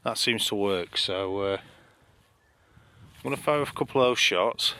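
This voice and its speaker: A man's voice: lowish voice, normal speed, pushed and bright. A British man giving casual, chatty narration for a photography vlog. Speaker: landscape photographer and vlogger. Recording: faint background noise.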